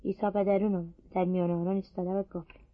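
Woman reader, scripture reading, even and unhurried, dry muffled recording. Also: lowish voice, no room sound. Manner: steady, measured reading pace.

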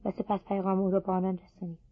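Woman, scripture reading aloud, measured delivery, mid-pitched voice, dull close sound. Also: no room sound. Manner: steady, measured reading pace. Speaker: scripture reader.

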